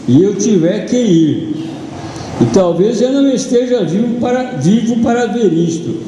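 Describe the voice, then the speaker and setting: A man with a Brazilian Portuguese accent preaching a sermon as pastor, retelling a story slowly and dramatically in the first person. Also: on the high side, dark tone, a little hiss or hum. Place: large church hall. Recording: echoey church hall with long reverb.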